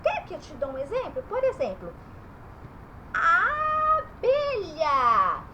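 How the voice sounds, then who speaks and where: A woman's voice: sits high, wildly swooping pitch, fast, dull audio, heavy background noise. A woman teaching young children about letters and vowel sounds in her bedroom, stretching the vowels as she speaks.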